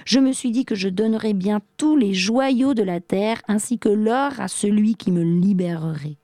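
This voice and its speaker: A huge, vain male genie from a storybook, as a woman reader puts him on, blustering with a mellow tone. He flares into indignation easily and whines when outsmarted. The sound is dry and close. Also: mid-range voice, normal speed, dry recording, voice pushed up, close to an everyday voice. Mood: boastful. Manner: blustering, turns whiny when tricked. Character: huge boastful quick-tempered male genie. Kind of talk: storybook reading.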